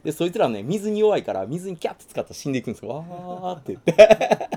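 A man in casual chat recommending a manga, animated, acting out character lines in quick funny voices. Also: a little high.

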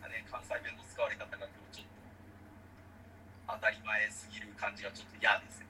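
A man from Osaka, co-hosting a casual chat and telling stories in a lively, animated way. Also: lowish voice, fast, slight background noise, rough recording. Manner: lively, animated storytelling with laughs.

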